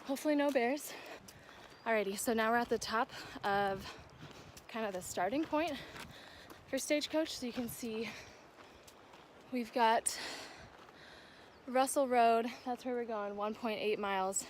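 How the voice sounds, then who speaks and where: A woman's voice: a little high, a little slow, pauses often, slight background noise. A young American woman chatting casually and informally for a trail vlog, recorded outdoors on the move. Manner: chatty, informal, breaking off to talk to her dog. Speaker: vlogger.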